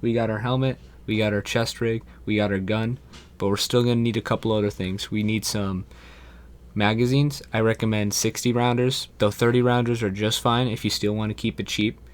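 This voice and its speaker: Low-voiced young man explaining a shooter game. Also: level tone, a little fast. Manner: chatty, calls viewers "boys". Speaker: gaming YouTuber. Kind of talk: casual gameplay tutorial.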